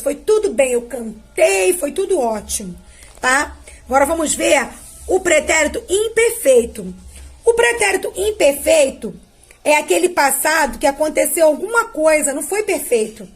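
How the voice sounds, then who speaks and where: A Brazilian woman teaching a grammar lesson to children, drawing out verb forms patiently and checking in with a quick "tá?". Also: sits high. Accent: Brazilian Portuguese. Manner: ends phrases with a checking "tá?". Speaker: primary school teacher.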